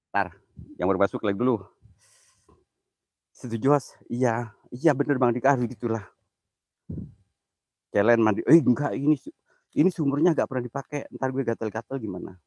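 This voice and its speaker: A young man chats and jokes with his viewers, laughing often while he streams from beside an old well on his phone. His voice is somewhat low and husky. The sound is close and dry. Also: a little mellow, no echo. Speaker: host of a comedy ghost-hunting livestream. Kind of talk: casual joking livestream chat. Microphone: phone camera.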